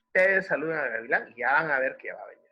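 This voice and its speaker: A Guatemalan man quoting his playful father, who calls out to a hawk in a high, drawn-out, coaxing voice. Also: expressive, lo-fi sound. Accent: Guatemalan Spanish. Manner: calls out loudly and long, coaxing.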